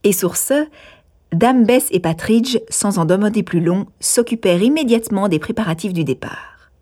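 A woman narrating a classic novel aloud in a measured, even storytelling manner. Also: mid-range voice. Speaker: audiobook narrator.

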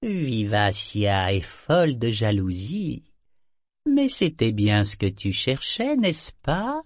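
A man's voice: medium pitch, sing-song, slow pace, no room sound, clean studio sound. A man voicing a talking amulet that needles its owner in a sardonic tone. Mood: mocking. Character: mocking talking amulet, male, sly.

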